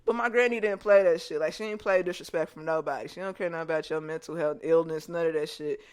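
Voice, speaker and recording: A woman hosting a podcast, telling childhood stories in a casual, animated way and laughing often. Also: low voice, fast talker, smooth. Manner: animated, joking storytelling with lots of laughter. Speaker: podcast host. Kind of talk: casual chat, reminiscing.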